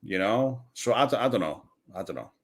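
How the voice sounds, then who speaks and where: A man hosting a casual livestream watch party, excitable, swearing casually and restarting his sentences. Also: fairly low pitch, a little fast. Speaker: livestream host.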